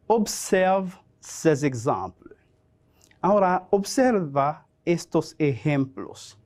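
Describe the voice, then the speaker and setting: A man teaching French on a televised class, drilling conjugations slowly and explaining in Spanish. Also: on the high side, dark tone. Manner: slow, deliberate drilling, switching between French and Spanish. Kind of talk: televised language lesson.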